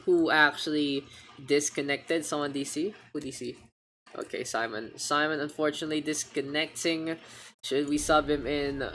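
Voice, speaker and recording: Filipino lady casting a game live, low voice, joking around, faint hum behind. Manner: casual, joking, mixes English with Tagalog. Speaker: esports caster and streamer.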